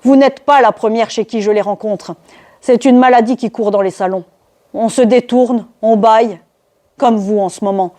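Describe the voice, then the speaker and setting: A woman's voice: fairly high pitch, fairly even intonation, moderate pace, warm tone, close to an everyday voice. A woman voicing an ardent aristocratic count in a one-woman reading of a classic stage comedy, speaking gallantly and declaiming with passion. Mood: reproachful. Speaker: reader of a play.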